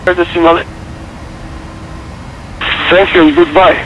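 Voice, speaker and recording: A man's voice: fairly high pitch, little pitch movement, slow, a bit bright. A man as an airline pilot, giving clipped readbacks over a cockpit radio. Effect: cockpit helmet-style radio. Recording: muffled, noisy aircraft radio.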